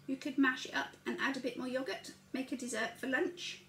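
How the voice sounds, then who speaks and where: Speaking fairly quickly in a high-pitched, steady, slightly bright voice, an older woman walks through a breakfast recipe at home, with slight background noise. The chatty vlogger narrates every step for a camera across the counter, in an echoey kitchen with clattering dishes.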